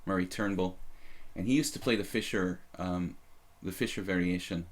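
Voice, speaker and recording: A low-pitched man in his thirties talks at a normal speed on a live stream as he casually reviews his own chess games. His manner is rambling and self-mocking, with lots of fillers and restarts, plus a faint cough left over from illness.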